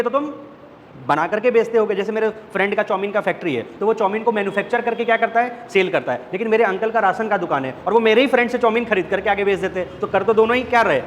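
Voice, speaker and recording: A man's voice: high voice, a bit bright. A male teacher giving a classroom lecture, mixing Hindi with English terms and asking questions he answers himself. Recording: long reverb, faint background noise.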